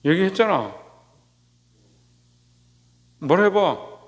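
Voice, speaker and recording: A man's voice: high voice, big pitch swings, very slow, long reverb tail. A man preaching a sermon as pastor, asking the congregation rhetorical questions and calling on members by name. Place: church sanctuary.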